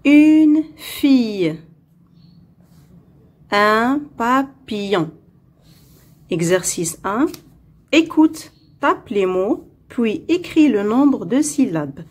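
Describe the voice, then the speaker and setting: A woman teaching a French phonics lesson, with an Arabic-speaking accent, saying each word slowly twice and counting its syllables. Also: on the high side, big pitch swings, slightly rough.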